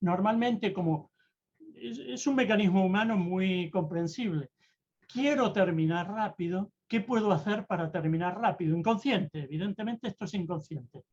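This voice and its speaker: A presentation-skills mentor gives an online talk on public speaking. The delivery is theatrical, with deliberate shifts in tone and pace. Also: medium pitch, a little mellow, dull audio.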